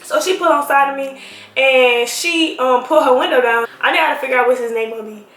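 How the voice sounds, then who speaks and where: A woman's voice: sits high, a little fast, a bit bright, echoey room, faint music behind. A woman telling a personal story in a casual, sarcastic, slangy way.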